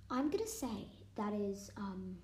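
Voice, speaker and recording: A woman's voice: mid-range voice, very animated, very slow, darkish tone, slight background noise. Chatty young woman thinking aloud. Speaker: student. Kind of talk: casual vlog, quizzing herself on vocabulary. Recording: echoey room.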